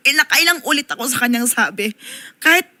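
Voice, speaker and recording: A woman, a mother, telling her complaint in a soft, hurt, pleading way. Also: on the high side, fast.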